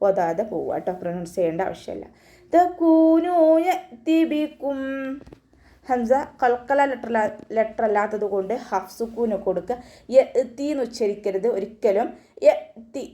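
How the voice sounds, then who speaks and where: In an online tajweed lesson, a woman teaches Quran recitation, patiently walking through each sound step by step and slowly chanting sample verses between explanations. Her voice is mellow and medium in pitch.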